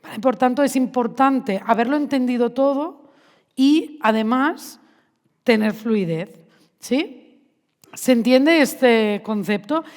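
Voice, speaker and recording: A woman's voice: a little high, darkish tone. A woman giving a conversational conference talk to teachers, often asking the audience questions. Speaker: math education speaker. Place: large hall with audience. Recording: reverberant hall.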